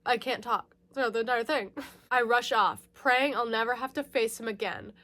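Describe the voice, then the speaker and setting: A woman with a slightly high, pushed and bright voice speaks at a moderate pace with fairly even intonation. She's a book vlogger doing a casual, chatty book haul and reading blurbs aloud, giggling and correcting herself, a little nasal from a lingering mild cold.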